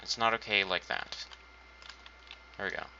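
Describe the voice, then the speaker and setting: A man's voice: lowish voice, fairly even intonation, a little slow, bright, forceful tone, smooth. A man casually commenting on his own gameplay, thinking aloud while building and making dry, self-mocking asides. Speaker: gaming channel host. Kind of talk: casual let's-play commentary. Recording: dull lo-fi home recording.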